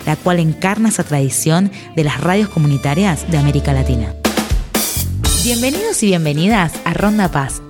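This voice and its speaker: Woman host with a low voice. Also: a little mellow. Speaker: podcast host. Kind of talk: podcast intro and interview.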